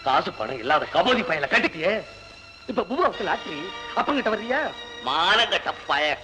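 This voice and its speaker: A man's voice: normal speed, music in the background, poor audio. A scornful, stern father. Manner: harsh, scornful, lively pitch. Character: stern proud father disowning his daughter. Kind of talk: 1960s Tamil film acting.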